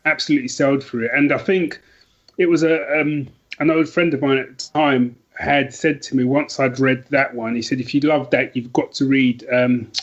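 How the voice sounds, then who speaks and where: A podcast guest with a mid-range voice speaks at a moderate pace in a steady tone, chatting casually about books. He's enthusiastic and rambling, correcting himself, on dull, lo-fi audio.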